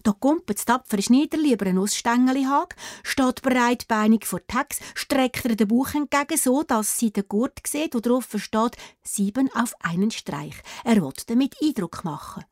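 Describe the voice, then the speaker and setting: A woman with a Swiss German accent narrating a children's fairy tale, often in a playful hush. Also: on the high side, lively intonation, normal speed, hardly any pauses, no room sound, studio quality. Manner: often whispered, hushed and playful. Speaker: storyteller.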